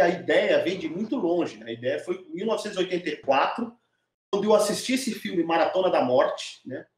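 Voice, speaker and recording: Middle-aged man telling stories in an echoey room. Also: on the high side. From Diadema, São Paulo, Brazil. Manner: animated storyteller with frequent tag questions. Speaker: documentary filmmaker, guest. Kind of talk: casual storytelling interview.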